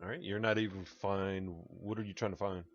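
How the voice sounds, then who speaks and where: A man with a fairly low voice runs a tabletop roleplaying game. He describes and rules in a casual, conversational way. The recording is a little muffled, with music playing behind. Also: steady tone, brisk. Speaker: game master. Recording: muffled lo-fi audio with background music. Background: background music.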